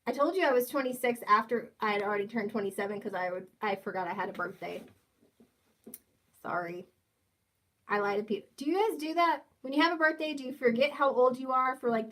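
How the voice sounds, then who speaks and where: On a casual livestream, a woman in her twenties reads chat comments aloud and jokes with viewers in a playful, teasing way, full of jokey asides. Her voice sits fairly high. The audio is poor, carrying a bit of hiss or hum.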